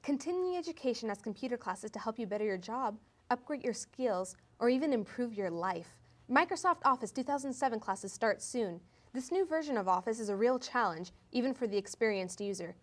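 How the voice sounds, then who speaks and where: Her pitch is fairly high and her intonation lively, and she talks a little fast. She's the field reporter in a college's comedic promo newscast, performing a scripted mock TV news segment with over-the-top pep.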